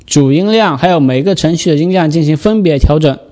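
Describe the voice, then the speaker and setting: A man giving a step-by-step software tutorial, explaining and patiently repeating the key steps. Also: on the high side, fairly quick.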